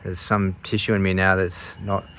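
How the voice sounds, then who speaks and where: A man's voice: low voice, flat delivery, moderate pace, fairly bright tone. A man in his mid thirties chatting casually to his viewers, rambling and hesitant as he breaks into his own sentences. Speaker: vlogger sharing surgery recovery update.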